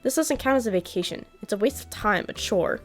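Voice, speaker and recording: A woman's voice: medium pitch, expressive, brisk, faint music behind. A woman voicing a sulky, bratty young boy who whines and huffs about being dragged along. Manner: whiny, huffy complaints.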